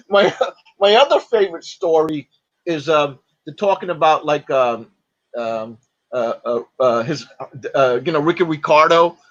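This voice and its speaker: A man chatting as a podcast guest, retelling stories in a halting way, full of fillers and restarts. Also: fairly high pitch, highs cut off. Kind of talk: casual podcast chat.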